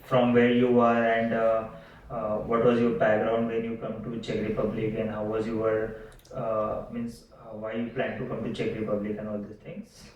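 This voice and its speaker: A man hosts an interview, asking halting questions full of "uh". His voice stays flat and even. He sounds far from the mic in a very echoey room with faint noise. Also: fairly low pitch, lo-fi sound. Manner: halting questions with many "uh" and "means". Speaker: host, interviewer. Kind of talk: casual interview.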